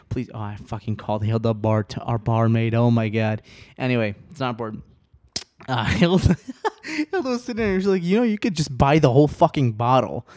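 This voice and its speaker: A man's voice: mid-range voice, a little mellow. A man in his twenties hosting a podcast, rambling casually, swearing a lot and laughing often. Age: 20s. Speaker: podcast host.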